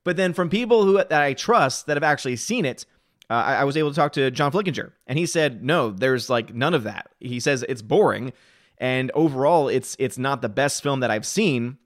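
A man's voice: mid-range voice, expressive, dry recording, studio quality. Man streaming, answering chat. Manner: talks fast, reads and answers chat comments. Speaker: live stream host. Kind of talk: casual live stream commentary.

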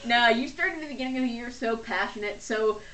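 A woman's voice: on the high side, quick pace, pushed and bright. A woman co-hosting a casual comedic chat, joking and giggly with playful wordplay. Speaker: podcast co-host. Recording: roomy, distant mic, faint noise.

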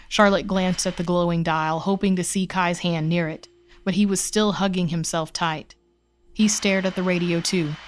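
A woman reading a horror short story aloud with measured, suspenseful narration. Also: on the low side, slight background noise.

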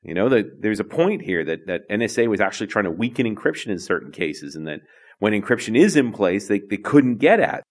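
A man with a fairly low voice co-hosts a technology podcast in an easygoing way. He chats casually, reacts quickly, and laughs easily. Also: very animated. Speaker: podcast co-host. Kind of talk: casual chat.

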